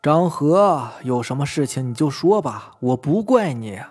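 Brief: a man playing a testy rich old master of the house, barking orders, a bit higher than his own voice, for an audio horror story. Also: lively intonation, unhurried, a little mellow, husky, faint music behind. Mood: impatient. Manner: impatient, commanding.

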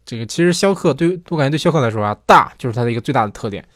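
A man's voice: mid-range voice, animated, very fast, no echo. Chatty man with a dry, close sound. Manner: chatty, rephrases often, asks "对不对" for agreement. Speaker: host answering listener questions. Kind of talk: casual explanatory monologue.

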